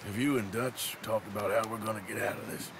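A man's voice: on the low side, steady tone, fast, background noise, close to an everyday voice. An actor playing a rugged, terse American outlaw in his thirties in a western video game, with a dry, laconic manner. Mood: dry, sceptical.

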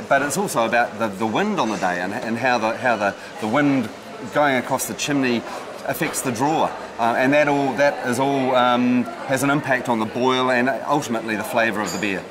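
A man's voice: mid-range voice, moderate pace, crowd noise. A middle-aged man, a head brewer, explaining his work steadily in a documentary interview, with frequent ums and restarts. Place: brewhouse beside a brick kettle.

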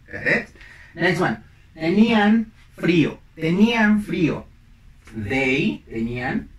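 A man's voice: fairly high pitch, a bit bright. Young guy w/ teaching english, repeats stuff a lot, roomy echo, mic kinda far. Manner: drills phrases by repetition, playful asides. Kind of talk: bilingual classroom lesson. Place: small room at a whiteboard. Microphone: camera mic from a few feet away. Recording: roomy, distant mic, faint hiss.

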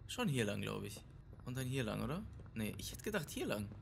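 A man commenting on a horror game as he plays it. He gets excitable, repeats himself a lot, and swings between shouting and quiet muttering. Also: medium pitch, brisk, creaky, a little hiss or hum. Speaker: let's player. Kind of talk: live gaming commentary.

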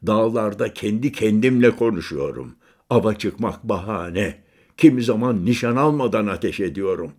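A man's voice: fairly low pitch, expressive, moderate pace, a little mellow, slightly rough. A man voicing a weary, brooding former prisoner and hunter who speaks in a hesitant, subdued way. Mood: somber.

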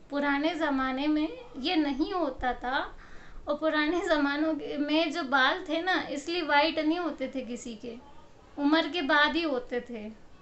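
A woman's voice: high voice, dull audio. A woman giving a casual motivational talk straight to camera, telling everyday stories and acting out what people say, often laughing. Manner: animated storytelling, acts out quotes, laughs often. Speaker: motivational speaker. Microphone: camera mic.

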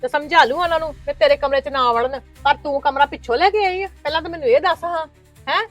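A Punjabi woman in a scripted family drama, playing an indignant mother who argues hard for her children. Her voice is high and runs quickly. Faint music plays beneath her speech. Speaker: married daughter of the house in a family skit.

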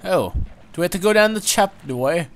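A man hosting a gaming video, chatting casually and reacting excitedly as he plays. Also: high voice, fairly quick. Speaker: channel host, game player.

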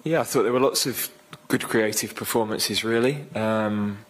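In a low-quality recording, a manager in his fifties answers post-match questions at a desk microphone. He's deliberate and thoughtful, though his lowish voice is peppered with fillers and restarts.

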